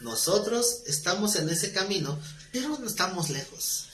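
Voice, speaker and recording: Roomy-sounding preacher, slightly high voice. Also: male voice, big pitch swings, moderate pace, pushed and bright, slight background noise. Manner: conversational preaching with rhetorical questions and jokes. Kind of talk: live sermon. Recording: roomy live-stream audio.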